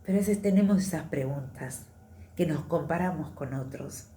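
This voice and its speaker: A woman's voice: low-pitched, normal speed, warm tone, roomy sound, slight background noise. Chatty Rioplatense woman preaching in church. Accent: Rioplatense Spanish. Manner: chatty, confiding, often adds tag questions. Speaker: church speaker giving testimony. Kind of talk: conversational testimony sermon.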